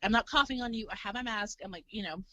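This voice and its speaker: A young woman from California chats as a podcast guest, lively and talkative, leaning on plenty of fillers. Her voice sits at an ordinary middle pitch. The sound is dry and close, with no room echo. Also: quick pace. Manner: animated, chatty, filler-heavy. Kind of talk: casual chat.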